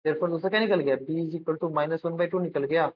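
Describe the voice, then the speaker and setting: A man's voice: fairly high pitch, steady tone, normal speed. Man teaching physics, asking his own questions. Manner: asks and answers his own questions, checking in with students; calls students "beta" affectionately. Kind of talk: classroom-style lecture while writing out a problem. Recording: dull lo-fi recording with faint noise.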